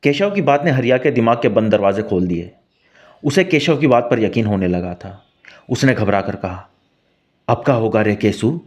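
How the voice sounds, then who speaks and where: A man's voice: mid-range voice, sing-song, moderate pace, a little mellow. A man narrating a scripted folk story.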